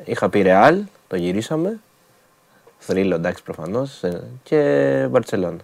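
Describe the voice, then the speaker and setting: A man's voice: sits low, big pitch swings, darkish tone. A man co-hosting a sports radio show, chatting casually and teasing his partner. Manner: laid-back, teasing, laughs often.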